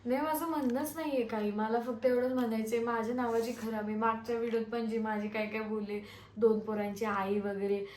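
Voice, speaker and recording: Woman, hoarse, defiant vlogger, slightly high voice, echoey room. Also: little pitch movement, fairly quick, darkish tone. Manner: defiant, scornful. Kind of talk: heated family-feud video rant. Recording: echoey room with faint noise.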